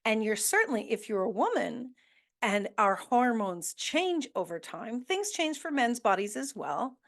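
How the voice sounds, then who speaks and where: Hosting a motivational session, a woman speaks with a slightly high, fairly bright voice and wide pitch swings. She delivers slowly and deliberately, pressing points through repetition and earnest questions to her listeners.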